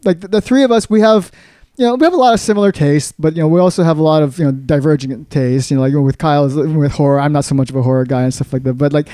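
A man's voice: a little high, fast talker, warm tone, clear, resonant tone, no room sound, studio quality. A man co-hosting a casual podcast chat, rambling with lots of fillers and frequent laughs. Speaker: podcast co-host.

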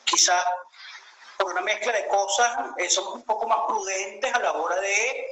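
This interview guest, a Venezuelan man in his late thirties, talks at normal speed in a high, bright voice, thinking aloud and restarting sentences as he reflects on his story. The conversational video call sounds roomy and echoey, with a faint hiss.

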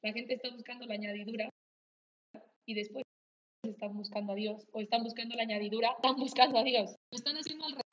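A woman's voice: on the high side, steady tone, quick pace, dull audio. A woman co-pastor preaching a sermon, repeating her points with emphasis.

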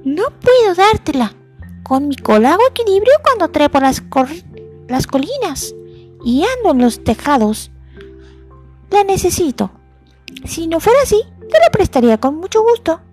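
A woman's voice: very high voice, big pitch swings, normal speed, darkish tone, faint music behind, voice pushed up. A woman voicing an agile cat who explains in a hurry why it needs its tail. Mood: explaining. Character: agile, quick-talking cat.

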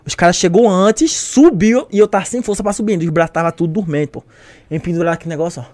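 A young man from tells a story at a rapid clip in a high voice, slipping into other people's voices. His is strong and his slang is loose. The recording is dry and close. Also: dry recording. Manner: animated, acts out voices, lots of slang. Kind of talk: casual storytelling.

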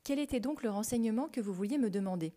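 A woman's voice: fairly high pitch, lively intonation, fast, mellow, close to an everyday voice. A woman voicing a grumpy middle-aged police commissioner in a storybook reading, barking and impatient. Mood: grave.

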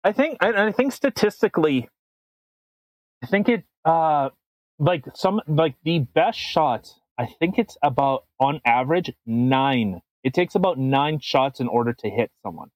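A man's voice: fairly high pitch, animated, a little slow, no room sound. A man co-hosting a podcast, talking in a casual, sarcastic, profane way with frequent restarts. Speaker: podcast co-host. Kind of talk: casual comedic chat.

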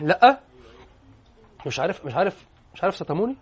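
A man with an Egyptian accent giving a lecture on classical poetry, animated, often asking his listeners questions and switching into colloquial speech. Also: high voice, moderate pace, slightly rough. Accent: Egyptian Arabic. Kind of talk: lecture to students. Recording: dull lo-fi lecture recording.

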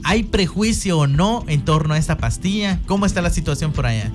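Lady hosting a radio show, kinda halting, music playing underneath. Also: fairly low pitch, expressive. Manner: halting, often searching for words. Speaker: radio host. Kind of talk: educational radio talk.

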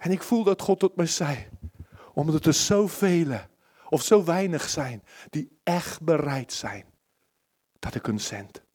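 A man preaching at a church service in a slightly raised, husky voice. He is impassioned, pushing up into urgent pleading, then dropping to a hushed whisper. The sermon has a personal, testimonial tone. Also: fairly high pitch, lively intonation, slow.

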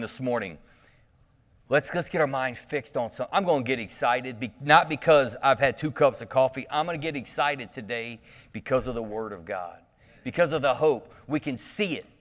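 A man preaching at a pulpit microphone in a church, talking in a casual, animated way and teasing the congregation. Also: medium pitch. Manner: animated and joking, teasing the congregation, with frequent restarts. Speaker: pastor. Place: church sanctuary. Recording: long church hall reverb.

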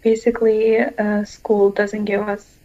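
A woman's voice: medium pitch, little pitch movement, unhurried, warm tone, muffled recording, a little hiss or hum. A woman from Lithuania, hosting and chatting casually on a podcast. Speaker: podcast host. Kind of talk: casual chat.

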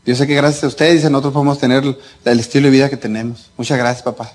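A man's voice: mid-range voice, level tone, very fast, a little mellow. A middle-aged man from Mexico, telling jokey family anecdotes in a chatty way, full of fillers and asides to his listeners. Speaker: storyteller. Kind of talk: casual anecdotal storytelling.

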